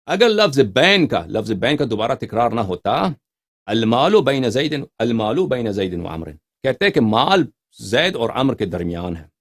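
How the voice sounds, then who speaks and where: A man giving an explanatory scriptural lecture, emphatic, reciting quoted passages slowly and repeating key words, and putting rhetorical questions to his listeners. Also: medium pitch, very animated. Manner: asks rhetorical questions to the audience. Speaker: religious lecturer.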